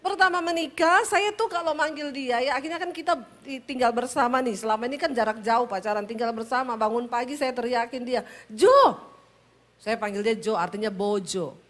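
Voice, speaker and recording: A woman pastor from Sulawesi with a Sulawesi accent, preaching in a loud, animated, humorous storytelling style. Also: a little fast. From Sulawesi, Indonesia. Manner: loud, animated, high-toned speech.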